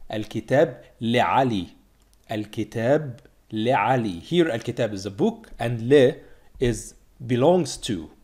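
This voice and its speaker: A man from Egypt, teaching a language lesson and slowly repeating each word to drill it. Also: medium pitch, a little mellow. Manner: slow, repeated drilling of words. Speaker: Arabic teacher.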